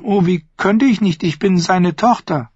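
A man's voice: high-pitched, a little slow, darkish tone, husky, no room sound, pitched above the performer's own voice. A man voicing a sly, sweet-voiced young woman with a lilting, scheming delivery in an audiobook. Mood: sweet, pleading. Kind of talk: audiobook character voice. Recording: dull lo-fi audio.

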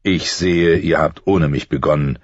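Audiobook casting: a man playing a grave noble lord, very low husky voice, measured, dry sound. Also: dry recording. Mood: stern. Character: stern weary noble father, lord. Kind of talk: audiobook character voice. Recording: slightly muffled dry recording.

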